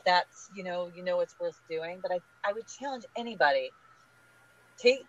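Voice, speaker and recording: A woman guest on a podcast interview, talking in an energetic, emphatic, advice-giving way. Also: fairly low pitch, moderate pace. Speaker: guest, small business group leader. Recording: dull lo-fi audio.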